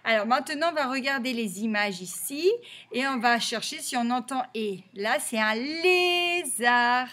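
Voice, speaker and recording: A woman's voice: fairly high pitch, normal speed, a bit bright. A woman teaching young children to read in French, patiently repeating each word and stressing its sounds. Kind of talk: early reading lesson for young children.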